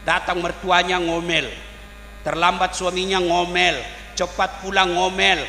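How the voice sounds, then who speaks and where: A man giving a humorous sermon, lively and asking the crowd questions. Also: high-pitched, measured pace. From South Sulawesi. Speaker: Islamic preacher. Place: large hall at a village celebration. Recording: echoey hall with faint mains hum.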